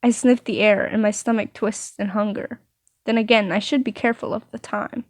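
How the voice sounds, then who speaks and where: A woman's voice: medium pitch, fairly even intonation, normal speed, darkish tone, no echo, clean studio sound. A woman reading a visual novel aloud, with playful asides between narration. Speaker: story reader.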